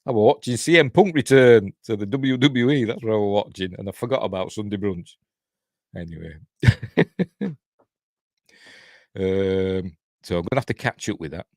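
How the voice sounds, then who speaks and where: This TV-reviewing channel host, a middle-aged man from Yorkshire, England, speaks at a normal pace with frequent pauses in a lowish, slightly mellow voice. The recording is dry and studio quality, and his livestream style is rambling, chatty and self-deprecating.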